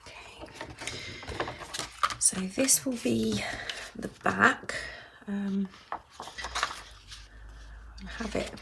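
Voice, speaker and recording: A woman's voice: medium pitch, extremely slow, creaky, pauses often, very noisy. A middle-aged woman with a Suffolk accent, giving a casual craft demonstration and half murmuring to herself as she works. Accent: Suffolk English. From Suffolk, England. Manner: informal, murmuring to self while working. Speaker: craft tutorial host. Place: indoor craft desk.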